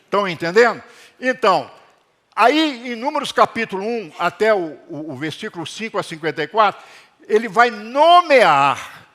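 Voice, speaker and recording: Animated high-voiced man preaching a sermon. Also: moderate pace. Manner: animated preaching with call-and-response to the congregation. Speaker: pastor. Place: church hall.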